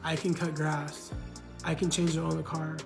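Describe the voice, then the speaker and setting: A man's voice: fairly high pitch, flat delivery, moderate pace, gravelly, over music. A man talking earnestly about his failed marriage, with a lot of "you know" and repeated words. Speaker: man recounting his divorce. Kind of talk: casual reflective monologue.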